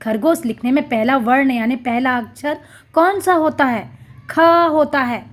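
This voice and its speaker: A woman teaching a children's lesson, slowly and clearly sounding out syllables in a sing-song way. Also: high voice.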